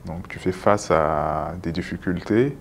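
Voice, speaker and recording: Very deep, gravelly man interviewing. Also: slight background noise. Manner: halting, repeats words as he searches for a question. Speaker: interviewer, host. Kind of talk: conversational interview questions.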